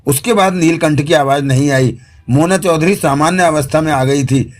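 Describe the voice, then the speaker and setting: A man reading an adventure audiobook as narrator, steady and dramatic. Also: a little high, normal speed. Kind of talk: scripted narration.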